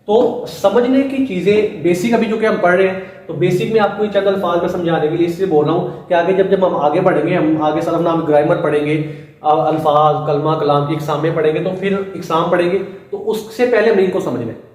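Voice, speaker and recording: Male teacher, classroom lecture, patient step-by-step explaining, fairly high voice, strong room echo. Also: a little mellow. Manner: explains slowly with repeated "ٹھیک ہے؟" checks. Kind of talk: classroom lecture on Urdu and Arabic. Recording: very echoey room, mic at a distance.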